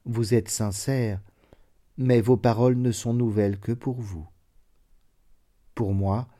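Guy reading a bitter deaf young woman, soft and sorrowful, low dark voice, slow. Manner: soft, sorrowful, measured delivery. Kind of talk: audiobook reading of classic fiction.

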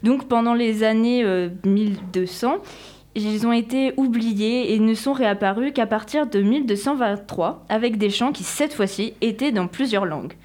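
A woman's voice: on the high side, moderate pace, a little mellow. A young woman presenting a radio column in a chatty, self-mocking way, with many fillers. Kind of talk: read radio column with casual asides.

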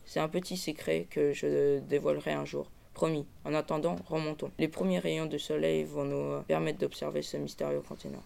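Male book columnist, strongly gravelly and fairly high voice, hesitant reader with frequent fillers. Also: darkish tone, slight background noise. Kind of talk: book review with read-aloud excerpt.

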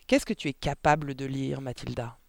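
A man voicing a gentle young schoolteacher. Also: mid-range voice, steady tone, moderate pace, creaky, no echo, natural voice. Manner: warm, encouraging, easily delighted. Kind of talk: audiobook character voice.

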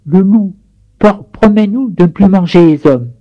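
A man voicing an old grandmother in a children's story, shrill when she calls for help and firm when she lays down terms. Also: unhurried, lo-fi sound. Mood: stern. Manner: shrill, pleading. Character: frightened, scolding old grandmother.

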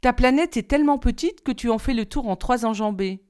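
An earnest young boy prince who keeps asking eager questions, as a woman reads him aloud. His voice sits high and rings smooth and clear. He sounds like a character from a storybook audiobook. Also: fairly quick, darkish tone, close to an everyday voice. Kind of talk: audiobook reading.

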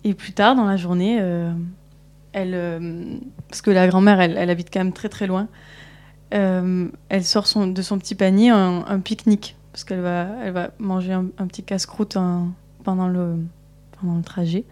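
A woman's voice: lowish voice, level tone, normal speed, darkish tone. A woman telling a story on live radio, hesitant with many fillers.

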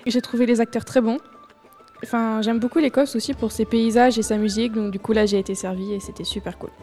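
A woman with a mellow, slightly high voice gives her opinion as a guest. The talk is casual, with light music behind her. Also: fairly even intonation, a little fast. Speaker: guest giving opinion on a film. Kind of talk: casual discussion.

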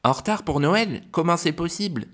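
A small, awed little boy, as a male storyteller puts him on, stammering and asking questions. His voice lifts well above the narrator's low tone. It is a gentle, childlike sound for a storybook. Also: expressive, moderate pace. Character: small, awestruck little boy, the younger brother.

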